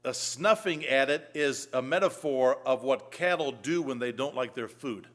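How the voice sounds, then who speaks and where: A man preaching a sermon in a church, reading scripture emphatically and then dropping to a soft, low voice. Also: normal speed. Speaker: pastor.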